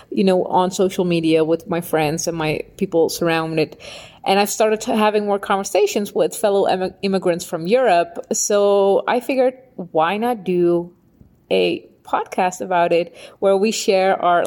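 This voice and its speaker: A woman's voice: mid-range voice, a little mellow. A woman hosting a podcast in casual, informal and blunt English. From Czech Republic. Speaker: podcast host.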